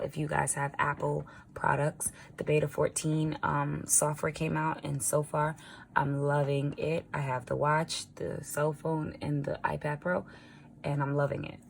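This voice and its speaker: Woman, raspy gravelly voice, unhurried, informal vlog chat, faint background noise. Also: low voice. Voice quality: raspy early-morning voice. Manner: informal, chatty, talking as she writes. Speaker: vlogger. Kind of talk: casual budgeting vlog narration.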